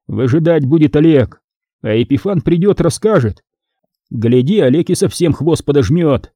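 Husky, lively male audiobook reader. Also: a little high, normal speed, dry recording. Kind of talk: audiobook narration.

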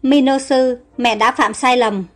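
A woman's voice: high-pitched, normal speed, soft background music, close to an everyday voice. A woman reading the lines of an older queen mother, wounded and speaking feebly, in an audio storybook. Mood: weak. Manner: faint and feeble.

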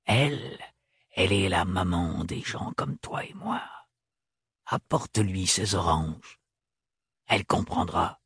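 A man's voice: high voice, lively intonation, normal speed, no room sound, voice pushed up. Male reader doing a grating-voiced woman mechanic, curt, insistent, tomboyish, dry close sound. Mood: hushed.

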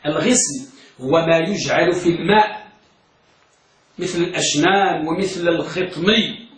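A man's voice: on the high side, moderate pace. A man teaching a class, quizzing students with repeated questions and urging them to speak up. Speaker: teacher of hadith. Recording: echoey room, voice from far off.

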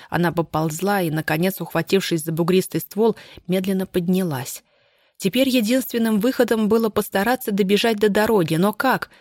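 An audiobook narrator reading a thriller in a steady, measured way. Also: mid-range voice, no room sound, studio quality. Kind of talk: scripted narration.

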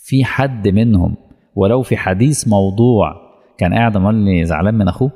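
A man's voice: fairly low pitch, a little fast, warm tone, husky, long reverb tail. A man with an Egyptian accent giving a colloquial sermon, telling stories and acting out their dialogue. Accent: Egyptian Arabic. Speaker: preacher.

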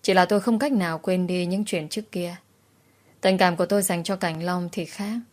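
A woman's voice: fairly low pitch, fairly even intonation, normal speed. Woman narrating an emotional romance novel. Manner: dramatic, emotional storytelling. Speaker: audiobook narrator.

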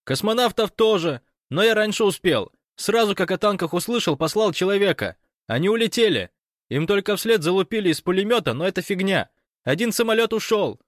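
High yelling phone caller, a male reader voicing him, dry close sound. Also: animated, brisk, no room sound. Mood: excited shouting. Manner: loud, shouting, cheerful. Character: excitable man on a phone line, shouting news.

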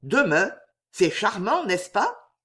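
A reader voicing a smug, quietly menacing gentleman suitor who speaks with mock courtesy and emphasis. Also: mid-range voice, very animated, unhurried. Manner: smooth, mockingly gallant, emphatic.

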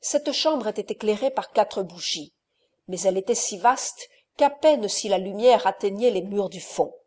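A woman narrating a classic French novel as an audiobook in an even, measured reading. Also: medium pitch. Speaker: audiobook reader. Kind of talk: scripted narration.

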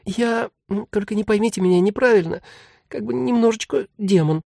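A squeaky, scared little demon. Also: male voice, a little fast, creaky, dark tone, no room sound, clean studio sound. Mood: fawning. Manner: whiny, pleading, squeaky. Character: small frightened male demon cloud, pleading.

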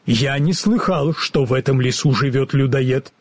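A man voicing a gentle, tender-hearted tin woodman in a storybook, earnest in manner. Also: medium pitch, moderate pace, dry recording, natural voice.

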